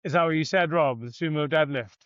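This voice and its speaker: A man's voice: fairly high pitch, fairly quick, no room sound. Male guest on a bad connection, dull lo-fi line, dry sound, loose rambling anecdote with swearing. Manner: rambling, laughing, swears freely. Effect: bad connection, signal dropping on a call. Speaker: podcast guest. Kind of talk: casual storytelling. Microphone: remote call.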